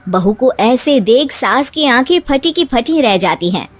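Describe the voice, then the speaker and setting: A woman's voice: on the high side, expressive, unhurried. A woman narrator reading a scripted moral story as a voice-over. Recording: voice-over with music. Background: music.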